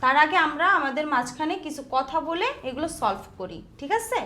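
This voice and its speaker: A woman's voice: high-pitched, very animated, brisk, heavily acted. A woman playing a defiant masked woman. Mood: protesting. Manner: sharp, evasive. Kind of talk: amateur short film acting.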